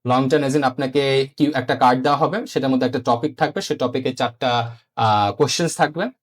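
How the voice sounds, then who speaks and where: An IELTS teacher gives a beginner exam-prep lesson, patiently explaining and often repeating himself. His medium-pitched voice moves a little fast, mixing in English terms and frequent "uh" fillers.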